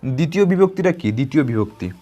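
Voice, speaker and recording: A man teaching a grammar lesson to schoolchildren. He asks a question, answers it himself, and repeats words slowly and encouragingly. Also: on the high side, lively intonation, mellow. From West Bengal. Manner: encouraging, addresses students directly.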